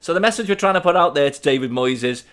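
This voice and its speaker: A man's voice: fairly high pitch, animated, fast, fairly bright tone. A man in his thirties co-hosting a casual chat podcast, joking and laughing often. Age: 30s. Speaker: podcast co-host.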